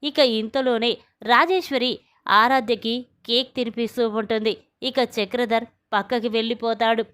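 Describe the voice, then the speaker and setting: A woman's voice: a little high, steady tone, moderate pace, a bit bright, clean tone. A woman steadily retelling a TV serial episode as a narrator. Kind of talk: storytelling narration.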